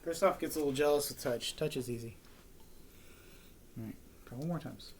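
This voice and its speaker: A woman's voice: very deep voice, brisk, a little mellow, slight background noise. A woman dog trainer talking casually through a training session, explaining each step as she goes. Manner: chatty, explains her steps aloud while training.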